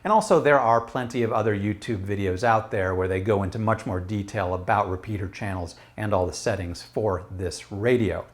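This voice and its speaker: A middle-aged American man reviews a product to camera in a casual, explanatory, conversational way. His voice is fairly low, at a moderate pace with few pauses, picked up by a lapel mic in a small room at home.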